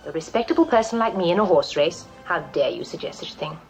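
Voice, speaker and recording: An actress in an old film playing a prim, strict, mysterious nanny with a haughty, indignant manner. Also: female voice, fairly low pitch, animated, quick pace, faint music behind, poor audio.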